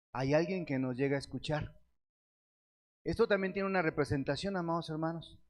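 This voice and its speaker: A man preaching a sermon, reading scripture slowly and asking the congregation questions that he answers himself. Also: fairly high pitch. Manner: reads scripture aloud with slow stretched words; addresses the congregation as beloved brethren.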